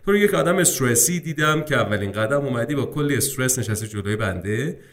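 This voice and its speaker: A man coaching students for a speaking exam. His pitch swings up and down as he talks, and he drops English words into in a casual, chatty way. His voice sits in a mid range. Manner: lively, addresses viewers as friends, mixes English terms into Persian. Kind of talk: casual exam-prep lesson.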